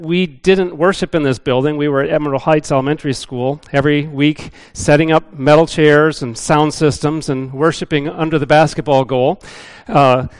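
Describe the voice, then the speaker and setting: Middle-aged male missionary, slightly high voice, easygoing church talk with lots of "uh"s. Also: smooth. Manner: chatty and self-deprecating, with frequent "uh" fillers. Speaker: visiting missionary speaker. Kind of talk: casual church talk to a congregation. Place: church building.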